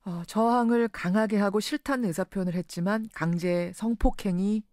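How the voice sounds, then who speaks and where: A woman's voice: mid-range voice, moderate pace, darkish tone, dry recording, clean studio sound. A woman hosting a radio news interview, articulate, restating what she hears as questions. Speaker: radio news show host.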